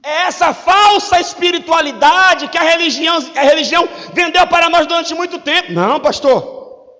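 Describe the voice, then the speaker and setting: High-voiced pastor preaching in a reverberant hall. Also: male voice, a little fast. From Brazil. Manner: animated and joking, swings from loud preaching to quiet asides. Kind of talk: sermon. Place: church hall. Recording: long reverb in a church hall.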